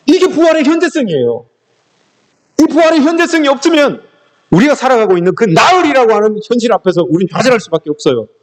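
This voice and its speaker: A man preaching a sermon as pastor, emphatic and often calling out to the congregation. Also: high voice. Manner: emphatic, repeatedly addressing the congregation.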